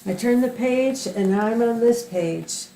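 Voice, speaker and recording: An older woman, a sweet old lady, reads a picture book aloud to a child in a gentle, unhurried way, as a grandmother would. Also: on the high side. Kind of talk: read-aloud storytelling with asides to a child. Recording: roomy echo, faint background noise.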